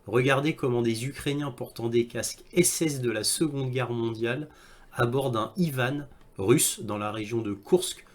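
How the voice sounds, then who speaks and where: A man commenting on video clips and reading articles aloud, with halting delivery and frequent hesitations. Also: mid-range voice. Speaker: online news commentator.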